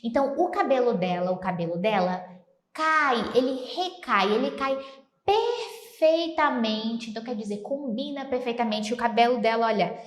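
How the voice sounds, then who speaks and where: A Brazilian woman teaching English through song lyrics, slowly repeating English phrases to show their pronunciation. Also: sits high, fairly bright tone, echoey room. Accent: Brazilian Portuguese. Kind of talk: explaining song lyrics to learners.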